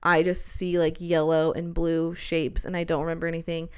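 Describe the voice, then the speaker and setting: A young woman hosts a podcast and tells a story in an animated, conversational way. Her voice sits a little low, and she acts out other people's lines as she goes. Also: normal speed, clear, resonant tone. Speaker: podcast co-host. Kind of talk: casual chat.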